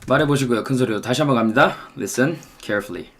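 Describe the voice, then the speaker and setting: A man with a Korean accent teaching English, drilling phrases slowly and deliberately. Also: mid-range voice, a bit bright. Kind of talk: language lesson.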